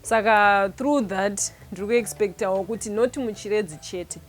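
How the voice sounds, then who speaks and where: A woman's voice: mid-range voice, normal speed. A woman of 29 with a Zimbabwean accent, a contestant speaking steadily and mixing languages. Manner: code-switching, steady. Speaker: contestant entrepreneur.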